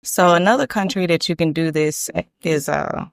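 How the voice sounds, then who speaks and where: Low, smooth-voiced woman chatting travel tips. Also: normal speed, no echo, studio quality. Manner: chatty, repeats points for emphasis. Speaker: travel vlogger. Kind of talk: casual travel vlog. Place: hotel room.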